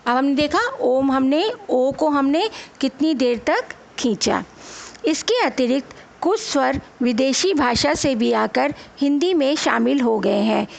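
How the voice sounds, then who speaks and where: A woman schoolteacher speaks in a high voice with a gravelly edge, walking children slowly through a lesson. She sounds out each letter on its own. She keeps asking the class questions and then answering them herself. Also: lively intonation, a little mellow. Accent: Hindi. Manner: slow, deliberate, spelling out letters one by one. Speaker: school teacher.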